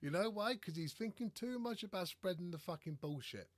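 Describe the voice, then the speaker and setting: A man hosting a podcast in casual chat, swearing often, ranting and clearing his throat. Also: high voice, lively intonation, fairly quick, no echo, clean studio sound. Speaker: podcast host.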